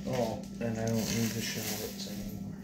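A man's voice: on the low side, monotone, moderate pace. A man in his thirties cooking in a small home kitchen, swearing and muttering to himself while he works. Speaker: home cook vlogger. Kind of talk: casual cooking vlog. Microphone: phone camera propped on the counter. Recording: loud background noise.

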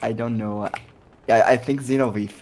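A man's voice: medium pitch, fairly even intonation, moderate pace, a little mellow, a little hiss or hum. A man from Brazil, chatting casually while streaming a game, laughing often and quoting game villains. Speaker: gaming streamer. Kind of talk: casual gameplay chat with character impressions.

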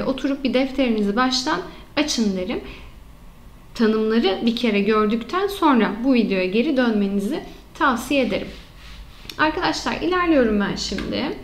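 A woman teacher with a high voice walks her students through example sentences in an online lesson. She poses questions to the class and answers them herself, drawing out the key terms slowly so they stick. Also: slight background noise. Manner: slows and stresses key terms.

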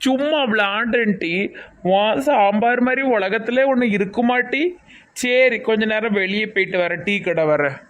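A man's voice: high voice, normal speed, fairly bright tone, lo-fi sound, pitched below the performer's own voice. A woman voicing a teasing village husband with a Tirunelveli Tamil accent. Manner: playful teasing. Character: teasing village husband heading to tea shop. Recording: distant from the mic.

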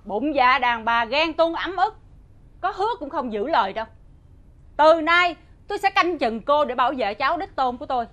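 A stern wealthy matriarch. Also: female voice, high-pitched, lively intonation, moderate pace, fairly bright tone. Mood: scolding. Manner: stern, scolding. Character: stern wealthy matriarch, mother-in-law, commanding. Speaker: household mistress.

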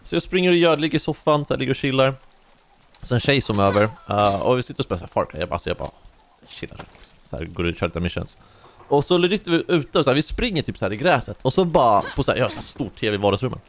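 A man's voice: medium pitch, slight background noise. Chatty young man narrating his gameplay. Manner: chatty, slangy, excitable storytelling. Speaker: gaming YouTuber. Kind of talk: casual let's-play commentary.

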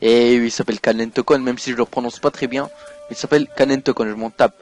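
A gaming YouTuber gives let's play commentary at a quick pace in a medium-pitched voice. Excitable, he veers from mumbled asides to loud outbursts as he plays.

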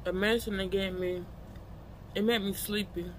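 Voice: mid-range voice, steady tone, normal speed, a little hiss or hum. A person chatting casually and colloquially to followers while eating, talking with a mouth full of food. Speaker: vlogger.

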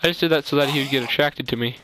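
A man commentating his own gameplay, blurting excitable reactions and jokes at what happens on screen. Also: medium pitch, racing, slight background noise. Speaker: gaming commentator. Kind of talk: let's play commentary.

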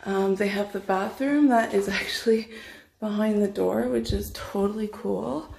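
A woman's voice: medium pitch, a little slow, creaky, darkish tone, a little hiss or hum. A woman in her thirties chatting casually into a handheld phone while showing a hotel room. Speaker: vlogger. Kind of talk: casual room-tour vlog chat. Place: hotel suite indoors.

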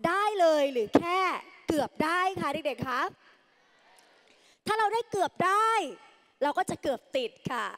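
A woman English tutor giving a lively lecture in a large hall, coaxing students with frequent polite particles. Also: sits high, unhurried. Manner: coaxing, calls students "children", ends phrases with polite particles. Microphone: handheld mic.

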